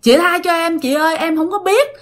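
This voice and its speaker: Frightened young woman begging for mercy, high and pleading, as a woman storyteller puts her on, Southern Vietnamese accent. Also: a little fast. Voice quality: pleading, breathless.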